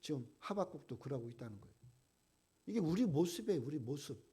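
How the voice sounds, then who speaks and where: Male pastor preaching with a raised, husky voice; voices people's complaints, drops to near-whispers. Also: on the high side, sing-song, fast. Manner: preaching with sharp swings from loud to hushed. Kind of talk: sermon. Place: church sanctuary.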